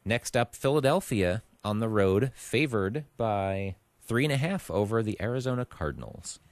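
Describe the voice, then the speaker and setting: Low-voiced man co-hosting a sports chat. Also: animated, normal speed, dry recording. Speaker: podcast co-host. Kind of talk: casual sports picks chat.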